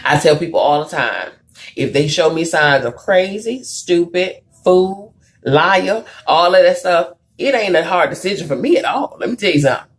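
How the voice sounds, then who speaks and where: A woman with a low, deep speaking voice hosts a live talk show in a loose, conversational style. She tells stories with plenty of fillers and restarts, greets viewers by reading their comments, then turns preachy and emphatic. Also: lively intonation, normal speed. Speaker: talk show host and counselor.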